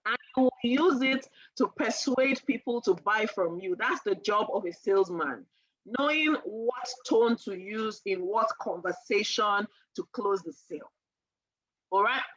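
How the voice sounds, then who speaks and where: A woman teaching a sales class in a chatty, animated way, often asking her listeners questions. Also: mid-range voice, measured pace, no room sound, lo-fi sound. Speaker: sales trainer.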